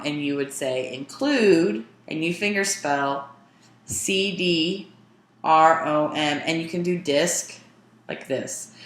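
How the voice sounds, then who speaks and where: A woman's voice: fairly low pitch, fairly bright tone, reverberant. A woman teaching a sign language lesson, explaining grammar step by step and glossing example sentences. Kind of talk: casual teaching walkthrough.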